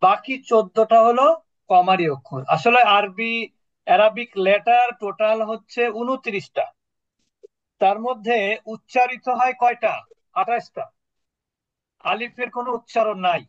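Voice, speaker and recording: A man's voice: high-pitched, normal speed, pauses often, no room sound. A man teaching an Arabic class online, patiently quizzing his students as he explains. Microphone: video call. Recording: dull lo-fi dry call audio.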